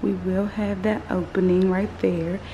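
A woman's voice: mid-range voice, little pitch movement, unhurried, dull audio, noisy background. Chatty woman vlogging on a phone. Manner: chatty, rambling with fillers. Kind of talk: casual vlog chat. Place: parked car, then an unfinished house. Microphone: phone held at arm's length.

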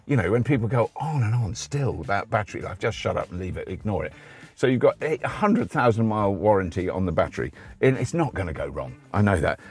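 A man's voice: on the low side, a little mellow, slightly rough. A middle-aged man hosting a car review, talking casually while he drives, rambling and restarting his sentences. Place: inside a moving car. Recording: road noise in a moving car.

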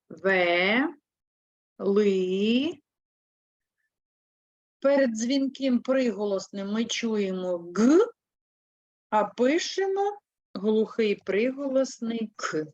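A woman's voice: on the high side, animated, a little mellow, dry recording. Woman teacher doing a kids lesson, sounds out words bit by bit, dead dry muffled audio. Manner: slow, spelling words out syllable by syllable; patient, explaining step by step. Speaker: primary school teacher. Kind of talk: third-grade language lesson.

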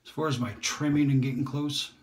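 In a roomy bathroom, a shaving vlogger rambles through casual narration with a mid-range, steady, brisk voice. He's self-deprecating and occasionally drops to a whisper, filmed on a phone or camera on a holder in a roomy home recording.

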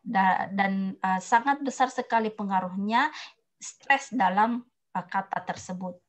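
A woman lecturer answering a student's question in a casual academic talk, pausing often with fillers and restarts, and giving spoken examples. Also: mid-range voice. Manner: hesitant, many fillers and restarts; explains slowly with spoken examples.

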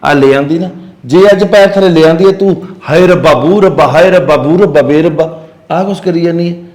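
An actor with a Punjabi accent playing a boastful, scheming village husband who brags loudly and mocks his wife. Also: fairly high pitch, a little fast, natural voice. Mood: mocking. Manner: swaggering, loud boasts, mocking. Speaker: actor in a short film. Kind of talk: village drama acting.

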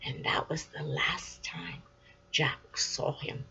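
An older woman reading a children's storybook aloud, animated, dropping into whispered asides, recorded with a dull lo-fi sound. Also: deep voice, takes it slowly, vocal fry, breathy edge.

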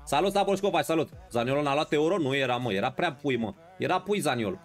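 A man's voice: fairly high pitch, lively intonation, faint music behind. A man streaming a football video game live, bantering with his chat and playing up mock outrage. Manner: banters and greets viewers in chat.

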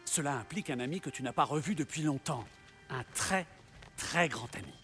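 A theatrical schemer in a game drama. His fairly high voice swings freely as he delivers eloquent, sardonic lines over faint music. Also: animated, fairly quick, a bit bright. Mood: coaxing, wry. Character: wry, theatrical, smooth-talking male schemer. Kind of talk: video game drama acting.

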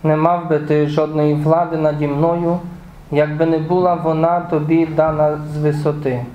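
A man reading the words of Jesus on trial in a liturgical Passion reading in church, with a measured, even delivery. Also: fairly high pitch, dull audio, lightly acted. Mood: solemn. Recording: echoey church room.

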